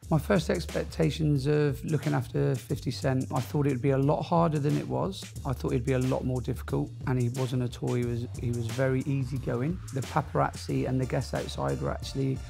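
A man's voice: mid-range voice, brisk, creaky, hardly any pauses, warm tone, faint music behind. A middle-aged man giving a plain, matter-of-fact account in an interview. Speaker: security manager. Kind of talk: documentary interview.

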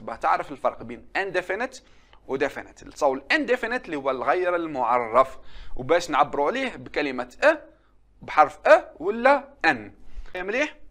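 An Algerian man teaches English words in a slightly high, very animated voice. His pitch swings widely as he models phrases and asks for repetition. He slips between Arabic and English as he explains. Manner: drills pronunciation and asks for repetition. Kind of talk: classroom lesson.

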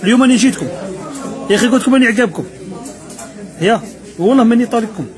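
A man's voice: very high voice, rapid-fire, a crowd in the background. A man with an Algerian Arabic accent delivering a mocking, sarcastic political rant that speaks straight at his opponents. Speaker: political commentator.

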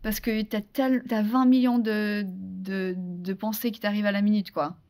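A woman in her thirties from Switzerland, speaking at a medium pitch. She is a guest in a casual interview. She tells her story with animation and keeps restarting her phrases. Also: steady tone, normal speed, a little mellow.

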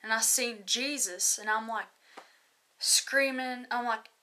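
A woman's voice: on the high side, slow, bright, forceful tone. A young woman, telling a personal story in a loose, rambling way, with many fillers. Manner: loose, rambling, many likes and you knows. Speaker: video host. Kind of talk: casual testimony.

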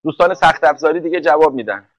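A man's voice: fairly high pitch, animated, no room sound, dull audio. A man teaching English for an entrance exam in a live online class, joking and speaking directly to students one by one.

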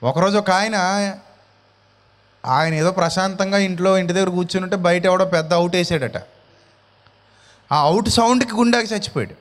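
A male pastor preaching a sermon in an animated way, full of rhetorical questions. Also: high voice, moderate pace, long pauses, long reverb tail.

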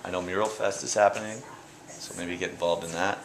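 A young man with a low, unhurried voice talks loosely about his art, pausing on fillers and restarting phrases. He is recorded on a camera close by inside an echoey gallery, with a faint hum of ambience behind. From Canada. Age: young adult. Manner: relaxed, rambling, with fillers and restarts. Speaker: painter interviewed at his exhibit. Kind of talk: casual interview answers. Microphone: handheld camera close by.

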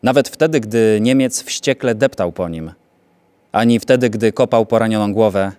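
A theatre actor reciting a poem with a grave, deliberate delivery. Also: male voice, on the low side, darkish tone, clean tone, no echo. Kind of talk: dramatic poetry recitation.

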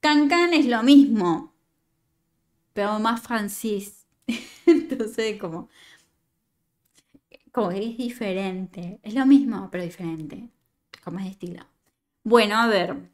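A woman's voice: medium pitch, takes it slowly, pauses often. A woman leading a writing workshop, reading a student's story aloud and giving chatty, digressive, teasing feedback.

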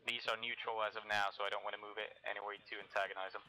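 A man with a very bright, forceful voice issues clipped orders as a platoon leader. He talks quickly, with faint noise, radio clicks and gunfire behind him. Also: fairly low pitch, little pitch movement, low-quality recording. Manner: clipped, commanding, swearing. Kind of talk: military radio commands in a simulation game.

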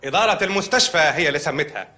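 An actor playing a calm, matter-of-fact doctor with an Egyptian accent, in a comedy film. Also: male voice, on the high side, very fast. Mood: deadpan. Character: deadpan male doctor delivering odd news.

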